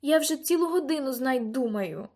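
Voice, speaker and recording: A spirited teenage girl, as a woman reads her in an audiobook. She fires off brisk, doubtful questions. Her voice sits a bit high. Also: animated, a little mellow. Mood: insistent. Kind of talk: audiobook character reading.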